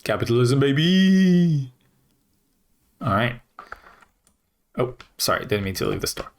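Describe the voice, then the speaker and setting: A man's voice: lowish voice, moderate pace, gravelly, bright, forceful tone. A man casually commenting while playing a video game, rambling and thinking aloud with many fillers. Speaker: gaming video host.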